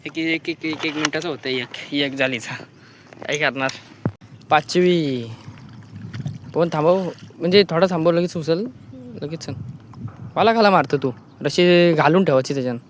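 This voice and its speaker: A man's voice: a little high, moderate pace, pauses often, a little hiss or hum. A man vlogging casually outdoors while checking crab nets by the water, chatting to viewers and pointing things out as he films on a phone.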